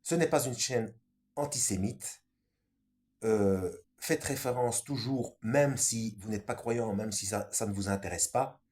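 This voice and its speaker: A man's voice: on the low side, a little slow, darkish tone. A man hosting his own channel, reading passages aloud and breaking off for loose spoken comments, with many fillers and tag questions. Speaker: channel host.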